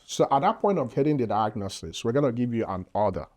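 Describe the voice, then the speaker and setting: A man's voice: mid-range voice, sing-song, fast talker, darkish tone, muffled recording. A man from Nigeria with a Nigerian accent, a podcast guest and physician, explaining earnestly with frequent fillers. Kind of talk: casual interview talk.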